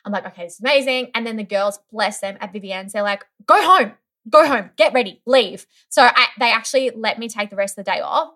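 Bright-voiced woman telling a story. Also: medium pitch, fast talker, hardly any pauses. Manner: animated storyteller, many "like"s, acts out others' voices. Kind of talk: casual chat.

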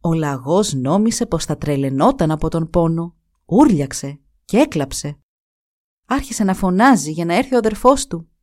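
Expressive woman telling a folk tale. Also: fairly low pitch. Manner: expressive, dramatic. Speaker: storyteller. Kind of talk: storybook narration.

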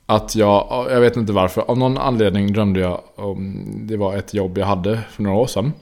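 A man's voice: fairly low pitch, fairly even intonation, a little mellow. A man co-hosting a casual podcast, laid-back and answering dryly in short replies. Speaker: podcast co-host. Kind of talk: casual chat.

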